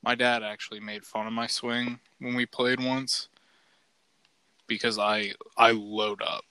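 Bright-voiced man rambling casually. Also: mid-range voice, unhurried, clean tone, dry recording, poor audio. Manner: relaxed, rambling, heavy use of "like". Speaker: podcast co-host. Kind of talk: casual chat.

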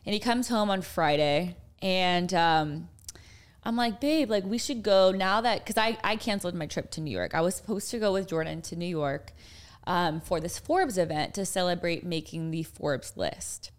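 A young woman talks through a story on her podcast in a loose, chatty way, full of fillers and asides. Her voice sits a little low for a woman. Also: normal speed. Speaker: podcast co-host. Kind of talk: casual chat.

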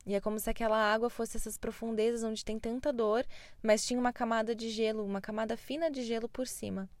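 A woman's voice: fairly high pitch, little pitch movement, quick pace, a little mellow, dry recording. A woman in her thirties hosting a spiritual podcast, talking earnestly and from the heart to her listeners. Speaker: podcast host, spiritual guide. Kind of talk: reflective solo podcast monologue.

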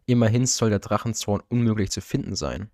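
Guy voicing a cold suspicious lord in an audiobook story, low and quietly threatening, dry sound. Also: a little fast, no room sound, lightly acted.

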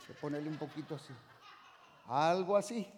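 Mexican-born preacher in a reverberant hall. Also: male voice, fairly high pitch. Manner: swings from loud exclaiming to soft, drawn-out phrases. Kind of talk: sermon.

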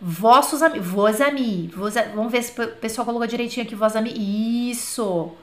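A woman teaching French in a live online class, chatty, asking questions and dictating words slowly. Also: a little high, a little mellow. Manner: slow, drawn-out dictation of example words.

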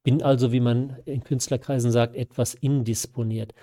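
A man reads a classic novella aloud live, sight-reading at an unhurried storytelling pace. His tone is mellow and dark, and his throat sounds a little scratchy. Between passages he talks to listeners in a relaxed, chatty way. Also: medium pitch. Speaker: reader of a novella.

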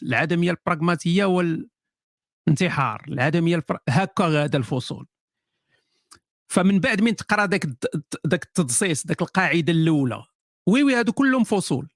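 A man with a Moroccan accent speaks quickly in a fairly high voice. He chats informally to live-stream viewers as a host, with a sardonic edge, circling back and restarting phrases as he goes. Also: fairly bright tone, dry recording, studio quality. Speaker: author hosting a live stream. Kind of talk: casual live-stream chat answering viewer questions.

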